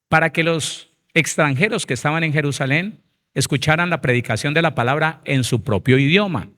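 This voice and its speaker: A man's voice: medium pitch, a bit bright. A man, a pastor preaching a Bible seminar who speaks emphatically and addresses his listeners directly.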